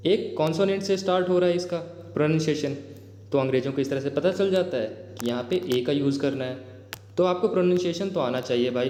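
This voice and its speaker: A man with an Indian accent teaching a grammar lesson in a chatty way, often checking in with his viewers and reading example sentences slowly. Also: mid-range voice, warm tone, a little hiss or hum. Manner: addresses viewers as "bhai", frequent "theek hai?" check-ins; reads English example sentences slowly and deliberately. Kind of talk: explanatory exam-prep lesson. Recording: echoey room with long reverb.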